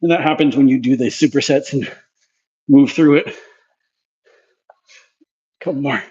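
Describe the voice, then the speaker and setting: Speaking at a measured pace, this man has a mid-range, somewhat mellow voice captured in dull audio. He's a physiotherapy clinic presenter breathing hard between gym sets while casually demonstrating his workout for a vlog.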